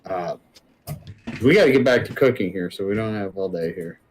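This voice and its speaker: A man's voice: deep voice, animated, normal speed. A man playing a tabletop game, thinking aloud as he works out a plan with the group. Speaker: player.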